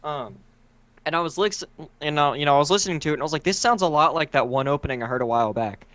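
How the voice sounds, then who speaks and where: A man's voice: a little high, animated, fast talker, fairly bright tone, no echo. A man co-hosting a podcast in casual chat, rambling and searching for words as he talks. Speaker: podcast co-host.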